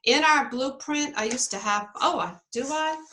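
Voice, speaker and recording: A woman's voice: high-pitched, normal speed, bright, forceful tone, slight background noise, rough recording. A woman leading a team meeting on a video call, upbeat and coaching, checking in with her listeners often. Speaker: network marketing team leader.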